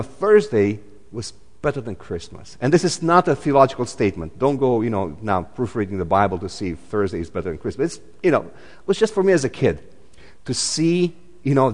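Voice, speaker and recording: A man's voice: medium pitch, darkish tone, big-room sound. A man, preaching a sermon in a chatty way, full of fillers and restarts. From Romania. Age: 40s. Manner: conversational, many fillers and restarts. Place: church.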